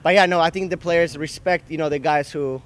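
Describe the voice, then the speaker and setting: A man's voice: fairly high pitch, steady tone, fairly quick. A man from Argentina, a soccer player, teasing and laughing in a casual outdoor interview. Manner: playful, teasing, laughs a lot. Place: outdoors by a river.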